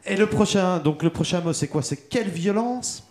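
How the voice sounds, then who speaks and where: A man hosting a casual podcast, teasing and quick to laugh. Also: high voice, expressive, darkish tone. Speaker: host.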